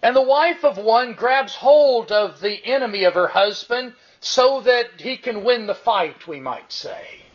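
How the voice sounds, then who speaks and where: A high-pitched man preaches with a husky grain in his voice. He is emphatic and repeats his key lines, slowing down to drive each point home. The recording sounds dull and lo-fi. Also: lively intonation. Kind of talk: sermon.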